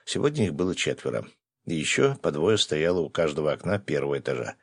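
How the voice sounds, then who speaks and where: A man's voice: extremely low pitch, big pitch swings, fast talker, slightly rough, dry recording. A man narrating an audiobook in the first person, telling the story expressively.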